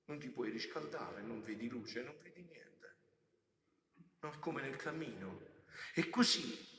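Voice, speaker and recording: A man, a friar preaching a homily, who swings between loud exhortation and hushed explanation and puts questions straight to the congregation. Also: mid-range voice, expressive, measured pace, a little hiss or hum. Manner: addresses the congregation directly with questions. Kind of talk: sermon. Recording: echoey church with long reverb.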